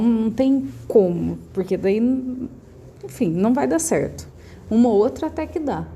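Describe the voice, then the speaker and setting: A woman's voice: on the high side, mellow, slight background noise. A Brazilian woman teaching a primary class from her phone, patiently repeating key points and checking that the children follow. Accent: Brazilian Portuguese. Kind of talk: recorded remote class explanation.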